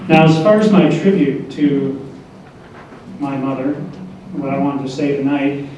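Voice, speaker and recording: An older man giving a memorial tribute to his mother, speaking haltingly with pauses and fillers. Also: mid-range voice, warm tone, a little hiss or hum. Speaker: son giving a eulogy. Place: large echoing hall. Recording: echoey lo-fi hall recording from far off.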